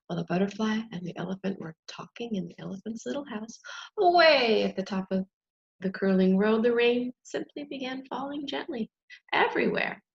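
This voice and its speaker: A woman reading a children's picture book aloud, gently and expressively, as a storyteller. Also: medium pitch, vocal fry, slightly rough, highs cut off.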